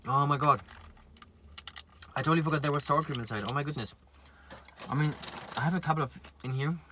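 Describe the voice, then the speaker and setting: A man chatting casually to viewers while he eats, pausing and murmuring between remarks. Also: on the high side, bright, forceful tone, slight background noise. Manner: talks while eating, with murmured mms and pauses. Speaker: mukbang vlogger. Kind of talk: casual eating chat to viewers.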